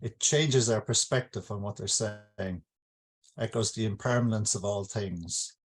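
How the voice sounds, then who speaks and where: An Irish author with a lowish, breathy-edged voice takes his time as he hosts his book launch. Speaking informally to people gathered online, he reflects aloud and explains somewhat haltingly.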